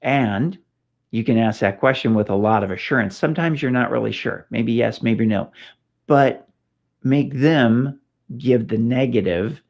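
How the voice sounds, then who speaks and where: A man's voice: mid-range voice, measured pace, creaky, a little mellow. A middle-aged man from California hosting a casual police training talk, chatty and anecdotal with frequent fillers and restarts. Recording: slightly dull lo-fi recording.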